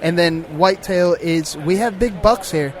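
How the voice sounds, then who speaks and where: Laid-back man, higher voice. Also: moderate pace. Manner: laid-back, swears, laughs often. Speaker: podcast co-host. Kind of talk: casual chat.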